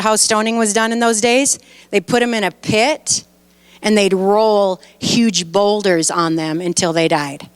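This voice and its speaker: A woman pastor preaches in a church, telling scripture stories with lively, animated energy and reading passages aloud. Her voice sits on the higher side and comes through smooth and resonant. The sound carries a long reverb from the hall. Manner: animated storytelling, reads aloud and chats with listeners. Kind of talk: lively sermon retelling scripture. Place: church sanctuary.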